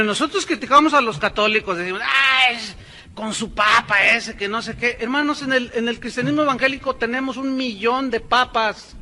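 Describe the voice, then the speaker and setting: A male pastor preaching a sermon, emphatic, swinging between loud declarations and hushed asides. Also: sits high, a little hiss or hum.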